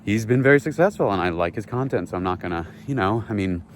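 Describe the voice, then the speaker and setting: A man vlogging outdoors while walking through a neighborhood, rambling dryly with lots of fillers in a deadpan satirical way. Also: on the low side, fast, a little hiss or hum. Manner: rambling, many fillers, dry.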